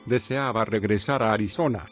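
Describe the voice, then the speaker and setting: A man reading a scripted biographical documentary narration in a steady, measured storytelling manner. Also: lowish voice. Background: soft background music.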